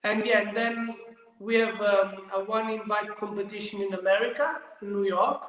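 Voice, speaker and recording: A man with an Italian accent, a dancer talking haltingly in a live video-call interview and filling his pauses with "you know". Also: high-pitched, fairly even intonation, fairly bright tone, highs cut off. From Italy. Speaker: dancer guest. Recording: echoey room with long reverb.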